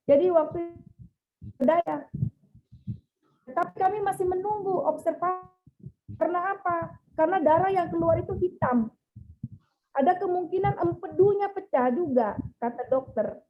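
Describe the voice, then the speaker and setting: A woman's voice: very high voice, unhurried, long pauses. A woman pastor giving an emotional, earnest testimony and speaking straight to her listeners. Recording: tinny phone-like sound.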